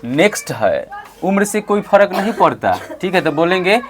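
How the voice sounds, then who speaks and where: Give me a man teaching a class, calling out loudly and slowing right down on each phrase for students to repeat. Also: high-pitched, sing-song, slight background noise. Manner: loud call-and-response prompting, slow drawn-out model phrases. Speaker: English teacher. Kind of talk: classroom lesson.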